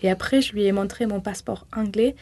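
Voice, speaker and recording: Woman, Toulouse accent, interview guest, chatty, laughs a lot, mid-pitched voice. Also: fast, darkish tone. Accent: Toulouse French. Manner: chatty, laughs often, searches for words. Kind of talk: casual conversational interview.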